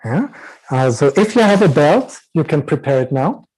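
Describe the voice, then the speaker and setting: A German man speaking English with a German accent, introducing a yoga sequence with many pauses and fillers. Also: a little high, big pitch swings, a little mellow, husky, low-quality recording. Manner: slow, halting, many fillers. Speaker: yoga teacher. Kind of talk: online yoga session introduction.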